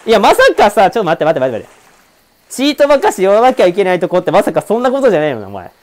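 A man giving casual commentary over a game, excitable and joking as he talks back at the screen. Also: sits high, very fast. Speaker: let's-play streamer.

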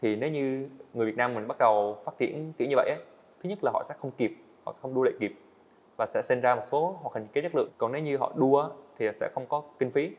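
An earnest eighteen-year-old animator, appearing as a guest on a podcast, tells the host his story and answers politely with "dạ vâng." He talks quickly at a mid pitch with a darkish tone. The indoor studio recording sounds a little dull.

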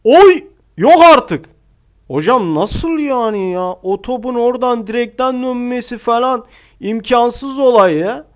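A young man playing a football scout and commentating his mobile football match live, shouting and half-singing at goals, then dropping to low mutters. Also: a little slow. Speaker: gaming YouTuber playing a scout role.

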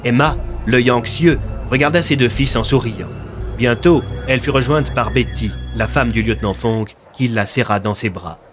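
Male storyteller, mid pitch, steady expressive narration, faint music behind. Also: normal speed. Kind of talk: scripted dramatic narration.

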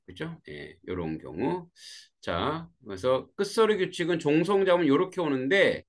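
Lively male grammar teacher. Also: a little high. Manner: talks students through examples, asking "그죠?" after points; greets students by name as they join. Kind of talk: online grammar lesson. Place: warm room with a fan.

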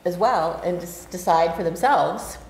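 A woman's voice: lowish voice, a little slow, vocal fry. A woman cooking instructor explaining food and wine in casual chat. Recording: echoey room, faint noise.

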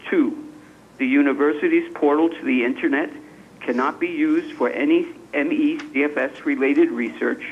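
A man speaking over the phone, reading a prepared statement as a public commenter in a formal, measured way, in short phrases. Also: a little high. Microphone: telephone. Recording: tinny phone line with faint noise.

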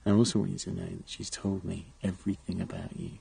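An actor playing a menacing, mock-tough man with a husky, gravelly voice in a found-footage film. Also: low voice, flat delivery, fast talker, dark tone, full character voice. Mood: mock menace. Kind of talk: naturalistic found-footage horror film dialogue.

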